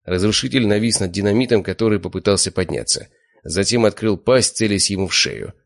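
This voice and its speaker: Male audiobook narrator, very low voice, steady first-person telling. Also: brisk, creaky.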